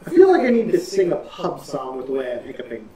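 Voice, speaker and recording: Chatty, high-voiced man in an echoey room. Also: very animated, quick pace, recorded from a distance, a crowd in the background. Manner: chatty and jokey, explaining game mechanics. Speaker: co-host of a let's-play. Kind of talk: casual gaming commentary. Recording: echoey room, off-mic, faint hiss.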